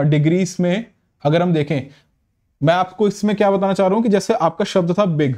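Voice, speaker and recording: Guy teaching grammar, kinda high voice, mellow tone, keeps checking you're following. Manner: patient, repeats "ठीक है" to check understanding. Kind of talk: explaining grammar to exam students.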